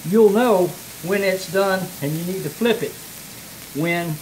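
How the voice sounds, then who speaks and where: A home cooking show host talks folksily and chattily as he cooks at his kitchen countertop over a sizzling pan. His voice is high yet darkish, unhurried, with slight background noise and a rough recording.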